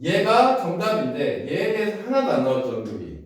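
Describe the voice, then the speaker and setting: A man lectures a classroom of students on an English exam passage, his fairly high voice swinging lively up and down. He keeps checking that they follow and slips between polite and casual speech. He sounds set back from the mic, with heavy room echo around him. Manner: keeps checking understanding with quick questions. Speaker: English teacher. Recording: very echoey room from a distance.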